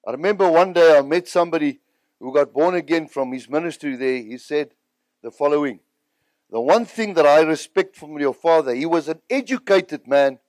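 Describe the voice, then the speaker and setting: This older Southern African man, Zimbabwe-born and raised partly in South Africa, preaches his testimony in a high-pitched voice, telling stories to an audience in sermon style. His delivery is emphatic, with phrases repeated for effect, and there's no room sound.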